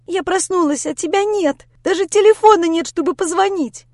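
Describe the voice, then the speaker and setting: A woman voicing a distraught young woman who cries and shouts accusations at her partner. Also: fairly high pitch, expressive, unhurried, slightly rough, no room sound, clean studio sound, full character voice. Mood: shouting. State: crying.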